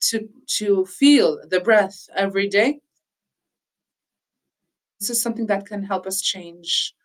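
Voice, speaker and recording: An earnest woman, interviewed about healing practice, speaks in measured phrases at medium pitch, restarting often. It's reflective conversational talk, and the recording quality is low.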